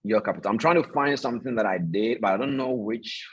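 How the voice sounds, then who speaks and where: A man coaching traders on an online video call. He preaches in an animated way, repeats his points for emphasis and keeps asking his listeners if it makes sense. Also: fairly low pitch, fast talker, slightly rough, rough recording. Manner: talks directly to listeners, asks "does that make sense?". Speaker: trading coach. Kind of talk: motivational online call lecture.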